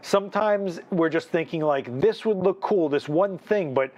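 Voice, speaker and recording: Still hosting the live photo critique, the man sounds high-pitched with a darkish tone, at normal speed. His casual, think-aloud manner includes restarts and "right?" checks, and his voice is wearing out.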